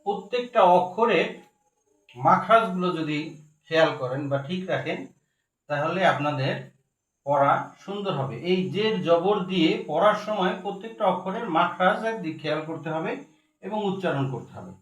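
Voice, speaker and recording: A man's voice: high voice, expressive, moderate pace. A man teaching Quran reading, spelling each letter and repeating every word three times. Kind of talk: recorded lesson. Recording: echoey room, voice from far off.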